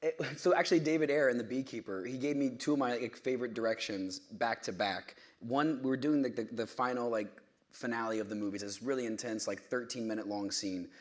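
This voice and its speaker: Hombre titubeante de unos treinta años. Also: male voice, mid-range voice, a little fast. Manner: rambling, hesitant, laughs self-consciously. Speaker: actor guest. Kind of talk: live podcast interview. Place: theater stage before a live audience.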